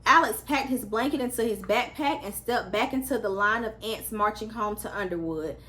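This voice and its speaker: A woman's voice: medium pitch, moderate pace, sharp tone, slight background noise. A woman reading a children's story aloud as a storyteller, acting out the characters' lines expressively.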